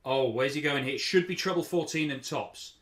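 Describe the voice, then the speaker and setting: A male darts commentator speaks at a medium pitch in live sports style. He weighs up each throw and choice analytically. The recording has loud background noise with clicks. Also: a little fast.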